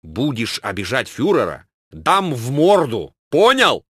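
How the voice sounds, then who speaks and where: A man's voice: medium pitch, huge pitch swings, measured pace, a bit bright, dry recording, studio quality, exaggerated voice. A man voicing a stern, mocking middle-aged spy who barks orders and threatens bluntly, in a comic audiobook. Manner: barked commands and gruff threats.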